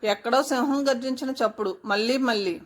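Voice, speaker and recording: Lady reading out a story, steady and expressive, kinda high voice. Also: fairly quick. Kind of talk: story narration.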